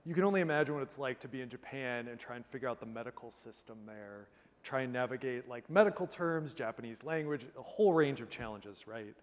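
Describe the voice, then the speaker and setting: Speaking briskly with lively intonation in a mid-range voice, a man moderates an interview on a conference stage. His questions are upbeat and conversational, and the recording echoes with the reverb of the conference hall.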